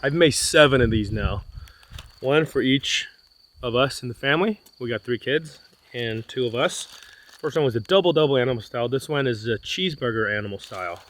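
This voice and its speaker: A man's voice: medium pitch, a little fast, a little hiss or hum. A middle-aged man in a casual vlog, chatting outdoors by his van while eating. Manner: relaxed, talking with his mouth full while eating. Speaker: van life vlogger.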